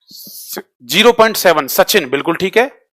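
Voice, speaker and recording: Guy teaching online, keeps asking the same question over n over, bit high voice. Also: animated, a bit bright. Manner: drills students with repeated quick questions; switches between Hindi and English terms. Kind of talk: live online class quiz.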